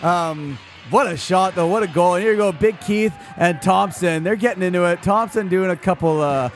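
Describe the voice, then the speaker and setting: A man calling an amateur hockey game play-by-play, energetic and excitable, often restarting his sentences. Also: high voice, moderate pace, soft background music. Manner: energetic, excitable calls with frequent filler restarts. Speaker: play-by-play commentator.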